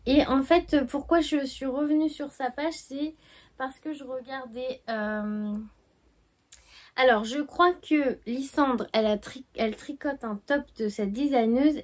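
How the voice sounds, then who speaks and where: Woman vlog host, slightly high voice, relaxed, hesitant chatter at home. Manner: chatty and hesitant, many fillers. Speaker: knitting podcast host. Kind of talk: casual chat.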